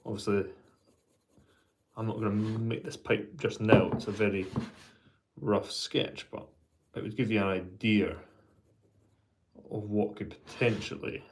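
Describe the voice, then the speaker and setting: A man with a fairly low voice talks casually to his viewers as a hobbyist pipe maker. He speaks haltingly, thinking aloud and doubling back on words as he goes. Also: steady tone, noisy background. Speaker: pipe maker hosting a vlog. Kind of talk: casual, rambling hobby vlog chat.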